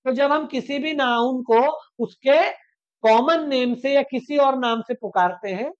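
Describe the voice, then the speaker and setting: A teacher giving an online exam-prep grammar lecture. They ask rhetorical questions and answer them, repeat each point step by step, and slow down to stress English definitions. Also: sits high, dull audio.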